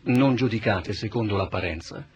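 A man playing Jesus as a calm, solemn teacher in a dramatized Bible reading, speaking in a measured, grave way. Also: lowish voice, lightly acted.

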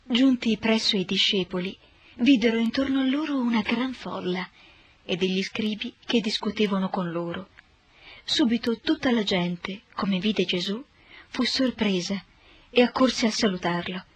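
Husky woman reading scripture. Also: medium pitch, no echo. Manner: steady, measured reading. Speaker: narrator.

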